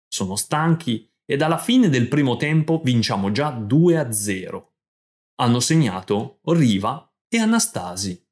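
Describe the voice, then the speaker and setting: A man reading scripted narration for language learners, telling a story in short, clear sentences. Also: mid-range voice, sing-song, a little slow. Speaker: podcast host and language teacher.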